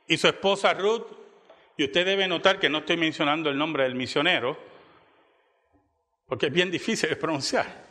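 A male preacher with a bright, forceful, fairly high voice tells a story from the pulpit. He acts out the dialogue with dramatic swings. His voice rings with the long reverb of a church hall. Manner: dramatic, acts out quoted dialogue with rising pitch. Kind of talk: sermon storytelling.

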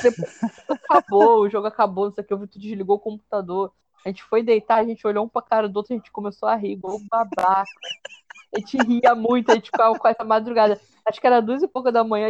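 A woman's voice: on the high side, fairly even intonation, quick pace, darkish tone, dry recording. A woman guest on a casual podcast chat, teasing the host and recalling a funny night. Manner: laughing, teasing recollection. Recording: dull lo-fi app recording.

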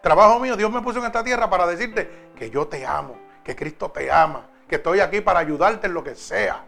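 High-voiced preaching man. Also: animated, brisk, gravelly, soft background music. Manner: fervent preaching, swings between loud emphasis and hushed confession. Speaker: pastor. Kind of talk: sermon testimony.

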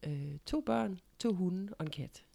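Middle-aged woman, lower register, creaky; matter-of-fact personal storyteller in a casual chat. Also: lively intonation, warm tone. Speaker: guest, mother of the host.

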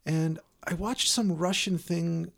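Male podcast host: fairly high voice, heavy vocal fry, wry and conversational. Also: fairly even intonation, slow pace, fairly bright tone. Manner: joking, wry. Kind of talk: casual film chat.

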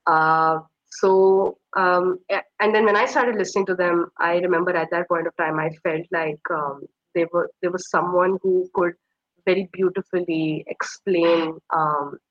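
A young woman from Kashmir speaks as an interview guest in a slightly low voice, pausing often with fillers as she reflects on a personal story. The recording is dry and a little muffled. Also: dry recording. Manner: hesitant, many fillers.

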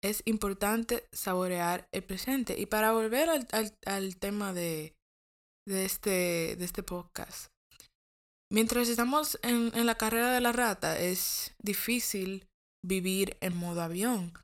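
A woman's voice: medium pitch, slow. A woman hosting a podcast, speaking directly to listeners in a casual advice monologue, often repeating and correcting herself. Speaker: podcast host.

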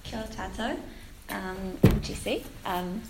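A woman in her twenties with a croaky voice from a cold, starting phrases with a creak as she gives an informal church talk. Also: medium pitch, expressive, unhurried. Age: 20s. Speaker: guest speaker at a church. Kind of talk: informal sermon with scripture reading. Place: echoing church room, handheld microphone. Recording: roomy echo with faint noise.

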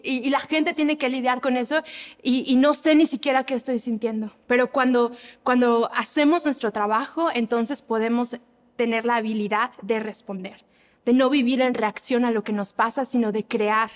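Woman, young adult, devotional talk, animated, fairly high voice, long reverb. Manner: animated, acts out examples with voices.

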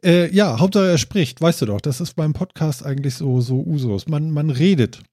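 A man's voice: a little high, moderate pace, warm tone, no room sound, clean studio sound. A man hosting a casual podcast chat, rambling and joking loosely. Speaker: podcast host.

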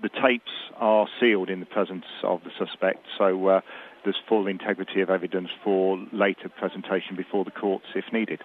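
A man with a very low voice speaks in a measured, formal way. His sound is thin, with no bass, as if it comes through a telephone. A faint hiss sits behind him. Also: steady tone. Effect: thin voice with no bass, over a phone line. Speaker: police inspector. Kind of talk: recorded interview clip. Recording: tinny phone line with faint hiss.

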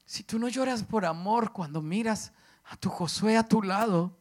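A middle-aged man preaching a sermon, impassioned, swinging from loud declarations to hushed, emotional speech. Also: high-pitched, moderate pace.

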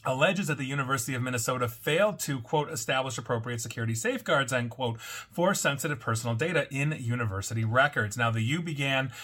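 A man's voice: mid-range voice, expressive, fast talker, sharp tone, husky. A man hosting a weekly cybersecurity news roundup, reading reports and adding wry, sardonic asides. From United States. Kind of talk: scripted news commentary with asides.

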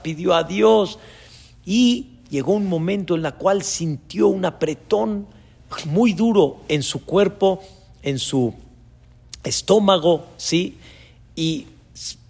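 A man, a rabbi preaching a sermon with dramatic storytelling and sudden loud rises. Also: fairly high pitch, unhurried, vocal fry, husky.

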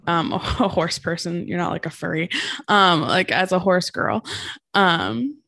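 A chatty young woman hosts a casual interview, asking curious questions loaded with fillers. Her voice sits on the low side for a woman. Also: measured pace, creaky, fairly bright tone. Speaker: host.

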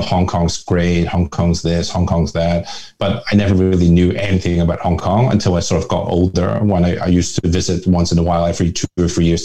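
A deep, mellow-toned man from Northern Ireland speaks as a guest in a conversational interview. He is middle-aged and reflective, and he wanders through his thoughts with frequent restarts. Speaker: guest, family office chairman.

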